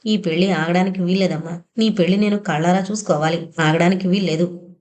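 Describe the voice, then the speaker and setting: A woman's voice: lowish voice, fairly even intonation, brisk, darkish tone, close to an everyday voice. A woman voicing an ailing elderly father, speaking in a sorrowful, pleading way in an audio novel. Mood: grieving.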